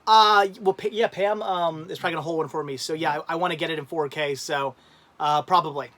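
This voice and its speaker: A man's voice: fairly high pitch, steady tone, fast, fairly bright tone. A man in his thirties co-hosting a casual livestream chat, rambling with frequent laughs and restarts. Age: 30s. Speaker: livestream co-host.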